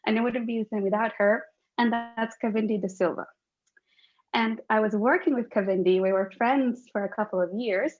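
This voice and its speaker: Woman, upbeat and giggly, kinda high voice, dull muffled call audio. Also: moderate pace. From Chile. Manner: upbeat, laughs often. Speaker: guest, lawyer turned space volunteer. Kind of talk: casual interview answer.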